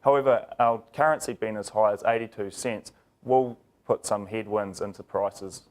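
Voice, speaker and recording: Kiwi guy doing a financial news anchor read, kinda low voice, formal and measured market update. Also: steady tone.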